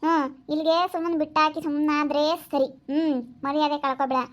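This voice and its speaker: A woman's voice: sits high, flat delivery, brisk, highs cut off, natural voice. A woman playing a jealous village wife who scolds and threatens in a skit. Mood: scolding. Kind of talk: skit acting.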